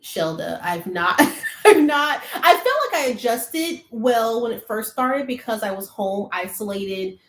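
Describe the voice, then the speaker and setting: A woman's voice: a little high, sing-song, a little slow, hardly any pauses, echoey room. A woman co-hosting a live chat, asking questions and laughing a lot. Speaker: co-host of a live chat show. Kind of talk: casual chat.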